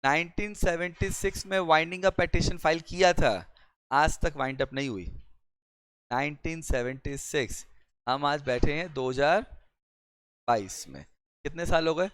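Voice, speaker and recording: A man with an Indian accent giving a recorded law lecture, mixing Hindi and English and often asking the class "clear?" as he explains with everyday examples. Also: fairly high pitch, moderate pace, fairly bright tone, no echo.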